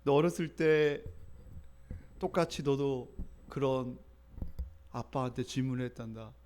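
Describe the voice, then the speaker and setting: A male pastor voicing a gentle, patient elderly mother in a sermon story, speaking softly and fondly. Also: medium pitch, unhurried, a little hiss or hum, pitched below the performer's own voice, lightly acted.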